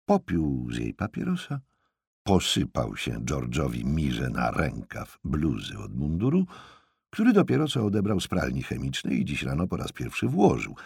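A man narrating an audiobook novel with expressive storytelling. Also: a bass voice, normal speed, creaky, breathy edge, no room sound, clean studio sound. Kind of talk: scripted narration.

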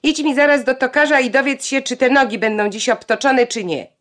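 A woman's voice: high-pitched, a little fast, fairly bright tone, voice pushed up. A woman reading an audiobook, voicing a stern, irritable father who barks orders. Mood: commanding. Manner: barked orders.

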